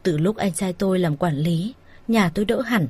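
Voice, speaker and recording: Husky woman reading a story. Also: lowish voice, moderate pace. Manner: plain, steady storytelling. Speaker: story reader. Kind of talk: first-person story narration.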